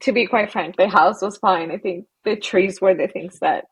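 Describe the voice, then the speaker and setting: Female guest from Colombia, husky breathy tone, reflective and halting. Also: medium pitch, rough recording. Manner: reflective, halting, laughs softly between phrases. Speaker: guest, psychologist. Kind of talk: casual interview conversation.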